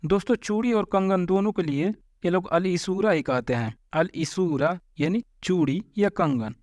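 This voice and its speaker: A man teaching vocabulary, repeating each word slowly and addressing viewers as friends. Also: sits high, darkish tone, no echo. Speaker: Arabic language teacher. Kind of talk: vocabulary lesson.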